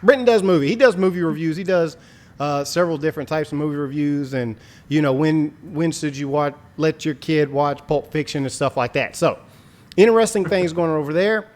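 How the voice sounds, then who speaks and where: A man's voice: a little high, a little fast, darkish tone. A man hosting a casual podcast, introducing guests in a loose, jokey way with plenty of fillers. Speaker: podcast host.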